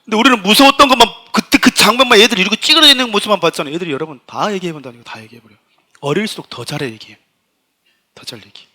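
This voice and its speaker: A man, a pastor, preaching a conversational Sunday sermon, swinging between loud emphasis and soft asides. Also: sits high, racing. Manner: animated, acts out quoted voices of children and parents.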